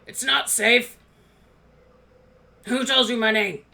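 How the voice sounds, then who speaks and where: Woman voicing a loud, gruff old dwarf blacksmith. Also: fairly even intonation, slow, exaggerated voice. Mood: gruff warning. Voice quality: deep-voiced, gruff. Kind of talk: tabletop game role-play.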